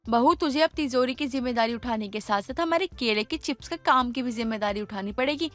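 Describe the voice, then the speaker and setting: In a lightly acted dramatized moral story, a woman plays an older mother-in-law who rules the household, speaking emphatically in a homely, instructive way. Her voice is fairly high and fairly quick, her mood trusting and persuasive, with soft music behind her.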